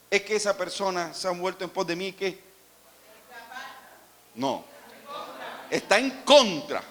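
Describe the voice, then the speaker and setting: A man's voice: very high voice, fairly bright tone. A man with a Colombian Caribbean Spanish accent, preaching a sermon as pastor and asking the congregation questions.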